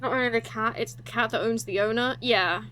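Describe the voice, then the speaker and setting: A woman's voice: a little high, brisk, bright, forceful tone, a little hiss or hum. Chatty, sweary young woman gamer. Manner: chatty, sweary, coos baby talk to her cat. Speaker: gaming streamer. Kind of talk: casual let's-play commentary. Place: room at her computer.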